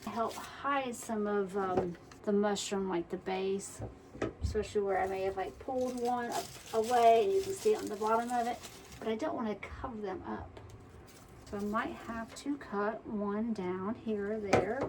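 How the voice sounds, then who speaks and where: A woman, chatting casually through a crafting tutorial and muttering to herself as she works. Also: medium pitch. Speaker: wreath-making tutorial host. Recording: distant mic, faint background noise.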